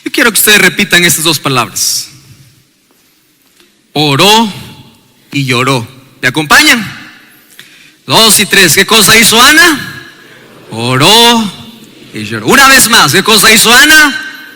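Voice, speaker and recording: A male pastor preaching a sermon, calling for responses from the congregation and building up to shouts. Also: sits high, very animated, moderate pace, big-room sound.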